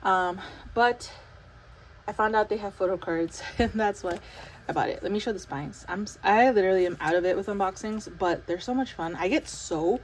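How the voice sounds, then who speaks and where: A young woman talks through an unboxing at home in a chatty, excited way, a little out of breath and full of fillers. Her voice sits at a middle pitch. A faint hum of background noise runs under her talk. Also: moderate pace, poor audio. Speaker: vlogger unboxing an album. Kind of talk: casual chat.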